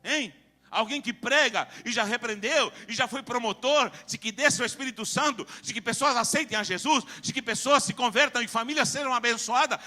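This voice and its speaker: A preacher with a strikingly high, bright and sharp voice. He swings between fervent shouting and quieter, hushed stretches, hammering his points home by repeating phrases again and again. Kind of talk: Pentecostal-style preaching.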